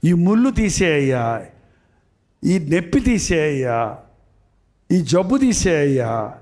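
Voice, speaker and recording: High-voiced preacher, emphatic. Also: male voice, sing-song, slow pace, darkish tone. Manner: emphatic, repeats phrases, asks the audience questions. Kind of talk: sermon.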